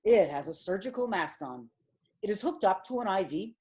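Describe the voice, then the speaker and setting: A woman narrating a comic audio play in a deadpan, measured way. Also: mid-range voice. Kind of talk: scripted narration.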